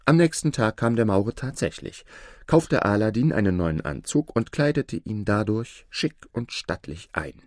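Deep-voiced male fairy-tale reader. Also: expressive, moderate pace, dry recording, clean studio sound. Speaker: narrator. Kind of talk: reading a fairy tale aloud.

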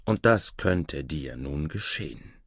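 A man voicing a scheming male sorcerer who talks low, hushed and slow, now menacing, now coaxing. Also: steady tone, breathy edge, no room sound, clean studio sound, full character voice.

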